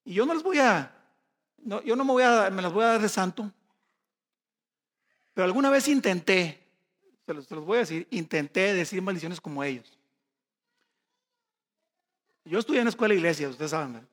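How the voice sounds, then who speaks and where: A man's voice: high voice, animated, normal speed, long pauses, fairly bright tone, big-room sound. A man preaching a sermon, telling personal stories and reading scripture, calling the congregation brothers and asking them rhetorical questions. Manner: folksy personal storytelling. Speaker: pastor.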